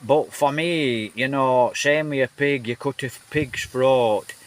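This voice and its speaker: Northern English bloke, mid-pitched, loose chatty vlog delivery into a handheld phone. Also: male voice, slow, slight background noise. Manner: rambling, repeats himself, many "you know" fillers. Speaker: vlogger. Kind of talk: casual rambling vlog chat. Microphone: phone held in hand, then on a gimbal.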